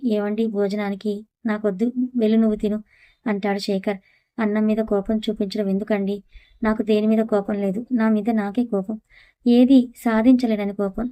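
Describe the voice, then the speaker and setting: A woman narrating a family audio story, reading every character's lines and the narration in one even voice. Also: mid-range voice, no echo.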